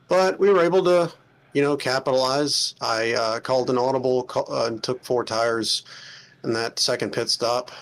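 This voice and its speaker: A man talking as a racing driver in a post-race interview, hesitant, with many pauses and fillers. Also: medium pitch, a little hiss or hum. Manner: hesitant, many ums and uhs.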